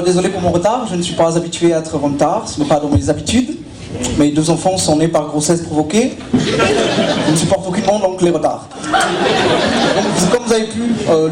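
A man playing a pompous German former opera singer in a stand-up sketch, with a German accent and stiff, formal, deadpan delivery. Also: sits high, noisy background. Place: comedy stage before an audience. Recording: roomy live club recording, loud crowd laughter.

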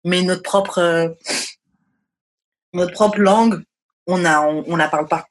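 A young woman from France in a casual chat, hesitant, restarting often and trailing off quietly. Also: on the low side, slow.

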